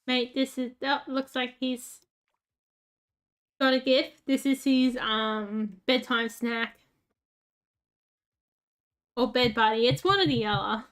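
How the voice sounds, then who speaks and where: Here a YouTuber with a rural Australian accent plays a game and chats casually, rambling, self-mocking and full of fillers. Her high voice is a bit bright and clean, with a steady tone, a slow pace and long pauses.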